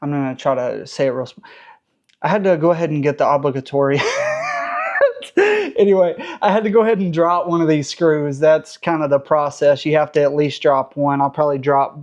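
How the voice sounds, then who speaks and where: A man's voice: a little high, fairly even intonation, fast, a little mellow, muffled recording. A man in his thirties with a Southern accent, chatting casually and joking at himself while he works on a truck in his home garage. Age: 30s. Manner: joking, self-deprecating, talks while working. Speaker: car restoration vlogger.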